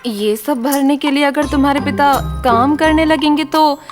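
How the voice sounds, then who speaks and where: A woman's voice: high voice, fairly even intonation, moderate pace, close to an everyday voice. A woman voicing a scolding middle-aged mother. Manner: scolding, firm. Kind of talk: Hindi film dub. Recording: dubbed film with music underneath.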